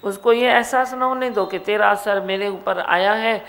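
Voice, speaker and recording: A woman giving a satsang discourse as spiritual teacher, animated, coaxing and scolding with rhetorical questions. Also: mid-range voice, moderate pace, poor audio.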